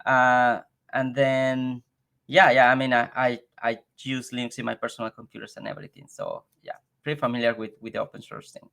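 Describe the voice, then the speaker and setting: Man, halting casual guest. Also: mid-range voice, little pitch movement, vocal fry, fairly bright tone. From Mexico. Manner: halting, repeats words, laughs easily. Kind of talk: casual interview chat.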